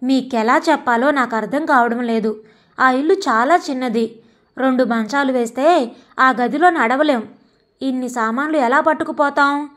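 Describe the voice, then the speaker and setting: A woman's voice: high voice, normal speed, a bit bright. A woman voicing a young married man who pleads and apologizes to his parents. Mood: pleading.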